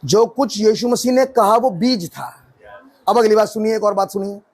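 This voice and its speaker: A man's voice: high-pitched, normal speed, slightly rough. A man as pastor, preaching a sermon with emphatic rising questions to the congregation.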